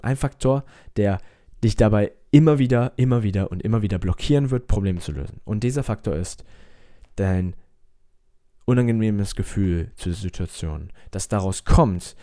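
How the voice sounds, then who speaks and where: Male self-help coach, mellow and lowish, American accent in German, emphatic direct address. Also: dry recording, studio quality. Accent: American-tinged German. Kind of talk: motivational talk to viewers.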